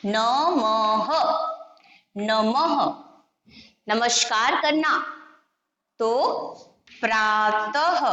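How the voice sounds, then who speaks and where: A woman teacher draws out and repeats each syllable for young children, slipping words into her Hindi explanations. Her voice sits high and she speaks at an unhurried, patient pace. The echoey room gives her a long reverb tail. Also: fairly bright tone. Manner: slow and deliberate, stretching out and repeating each sound. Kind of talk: slow, drawn-out Hindi phonics lesson for young children.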